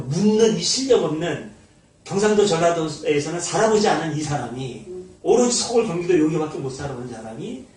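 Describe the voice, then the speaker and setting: Animated man lecturing in an echoey room. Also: fairly high pitch, slight background noise. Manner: animated, blunt and sometimes mocking. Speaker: Bible study lecturer. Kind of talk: informal lecture. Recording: echoey room, mic far off.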